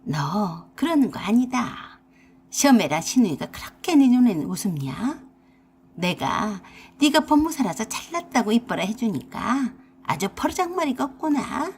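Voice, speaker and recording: A woman's voice: a little high, sing-song, measured pace, a little mellow, husky, exaggerated voice. A woman voicing a bossy, scolding older mother-in-law with an in a radio drama. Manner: harsh, nagging, scolding.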